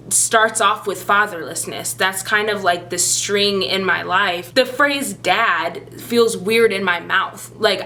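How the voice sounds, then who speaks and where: A woman in her twenties, chatty and animated, telling a personal story on her vlog and acting out the quoted lines. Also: medium pitch. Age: 20s. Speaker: vlogger.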